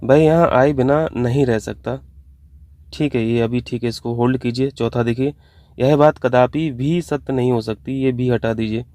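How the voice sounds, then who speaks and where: Mellow male Hindi exam-prep teacher. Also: medium pitch, fairly even intonation, normal speed, dry recording. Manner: explains answer options step by step, asks and answers own questions; mixes English terms into Hindi. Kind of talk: online exam-prep lesson.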